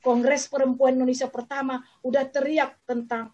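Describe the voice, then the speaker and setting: A woman host with a high voice leads an online panel. She is animated and teasing, with lots of exclamations. Her voice comes through as dull, lo-fi video-call audio. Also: moderate pace. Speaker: moderator, host. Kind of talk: lively online panel moderation.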